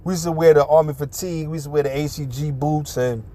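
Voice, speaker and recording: A man with a New York City accent tells a story from his past in a loose, animated monologue. His voice sits a little higher than most men's, and he keeps it lively with street slang and blunt swearing. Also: quick pace.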